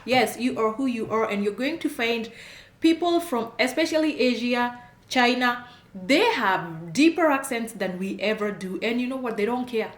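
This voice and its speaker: A middle-aged immigration consultant with a Kenyan accent sits facing a camera on a desk in a room at home with a plain wall, giving frank advice directly to camera. She is emphatic and repetitive, laughs often and gestures as she talks; her voice is on the high side, lively and moderately paced, in an echoey room.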